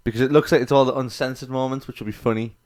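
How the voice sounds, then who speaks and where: A young man co-hosting a podcast, speaking at a middle pitch. He banters freely, drops swear words casually and often laughs. The delivery is loose and informal. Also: fairly even intonation, very fast, a little mellow. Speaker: podcast co-host. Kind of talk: casual chat.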